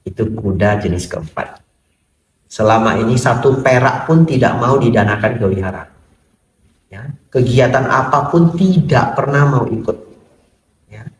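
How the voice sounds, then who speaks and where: A man giving a Buddhist dharma talk as a monk, humorous and lively, often acting out exchanges with people who come to see him. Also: mid-range voice, measured pace, long pauses. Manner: humorous, acts out dialogues with visitors. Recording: echoey hall, mic at a distance.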